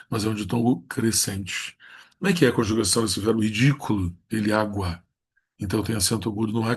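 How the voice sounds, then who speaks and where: A man, teaching Portuguese rules in a recorded lesson. He draws out each example word slowly and then states the rule in a flat tone. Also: on the low side, breathy edge.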